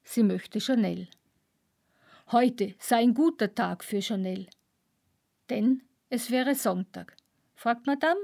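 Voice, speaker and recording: A woman reading a first-person literary narration in clipped, measured fragments. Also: a little high, gravelly, mellow. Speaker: reader.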